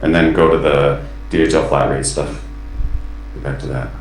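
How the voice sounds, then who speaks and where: A man giving a relaxed status update in a casual work meeting, his voice echoing as if he were in a tunnel. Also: very deep voice, moderate pace, vocal fry. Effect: echoing, tunnel-like sound on his audio. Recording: echoey tunnel-like call audio with hum.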